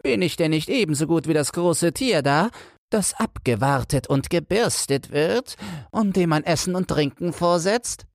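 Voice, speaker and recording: A man's voice: fairly high pitch, expressive, normal speed, dry recording, studio quality, pitched above the performer's own voice. A man voicing a pompous, easily offended little male dung beetle in a storybook reading.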